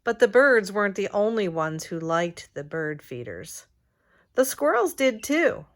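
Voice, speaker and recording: A woman reading a children's storybook aloud in a deliberate, expressive teacher's manner. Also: mid-range voice.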